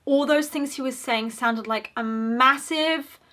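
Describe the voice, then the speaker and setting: A woman's voice: high-pitched, measured pace, sharp tone. A young woman giving an opinionated, casual commentary on a TV series, talking in a chatty way with lots of "like" fillers. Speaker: video essayist.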